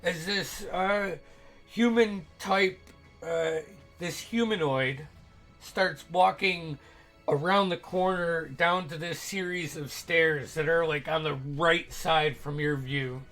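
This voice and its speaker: Slow, halting male game master. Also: on the high side, a bit bright, soft background music. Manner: halting, descriptive, pauses to think. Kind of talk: improvised narration of a tabletop game.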